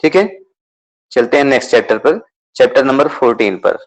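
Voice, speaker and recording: A male math teacher explains the syllabus to his students in Hindi sprinkled with English terms, speaking a little fast with a mid-range voice and lively intonation. He is patient and repetitive, often asking questions to check the class understands. The audio quality is poor.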